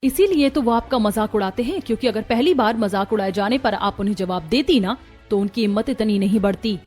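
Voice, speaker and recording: A woman voicing a proud, outspoken young bride in a cartoon story, talking forcefully. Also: mid-range voice, animated, brisk, faint music behind, natural voice. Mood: indignant. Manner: forceful, indignant.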